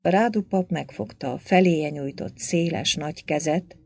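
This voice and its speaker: A woman narrating an audiobook with animated, expressive storytelling. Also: low-pitched, gravelly, breathy edge.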